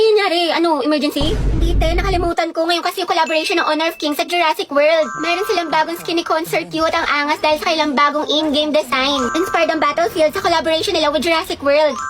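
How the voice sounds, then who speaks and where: High-voiced woman doing comic school skits. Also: fairly even intonation, quick pace. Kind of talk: comedic skits playing many classmates. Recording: background music.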